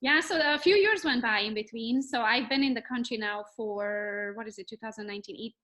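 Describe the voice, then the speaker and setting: A woman's voice: fairly high pitch, a little fast, low-quality recording. A woman in her thirties from Romania, a realtor guest chatting casually and laughing often. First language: Hungarian. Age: 30s. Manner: lively, laughs often, speaks freely. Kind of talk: casual interview chat.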